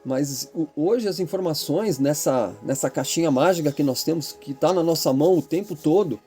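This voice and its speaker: A middle-aged Brazilian man talking to his channel's listeners in a reflective, rambling monologue, often tagging his sentences with a questioning "né?" and pausing on filler sounds. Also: a little high, warm tone, breathy edge, soft background music. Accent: Brazilian Portuguese. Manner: rambling, keeps adding the tag "né?" and filler "é". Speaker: channel host.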